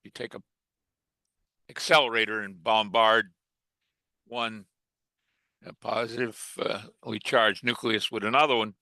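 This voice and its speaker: A man lecturing to a hobby group in a halting way, pausing on fillers and restarting his sentences. His voice is bright and a bit low, and the sound is dry and close. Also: fairly even intonation, dry recording. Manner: hesitant, many fillers and restarts, clears throat. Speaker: technical presenter. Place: meeting room.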